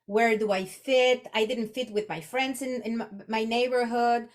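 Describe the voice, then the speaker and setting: Speaking at normal speed with fairly even intonation, this fortysomething executive coach from Mexico has a voice on the high side. As a podcast interview guest she reflects casually in her Mexican-accented English, frequently beginning phrases again; Spanish is her native tongue.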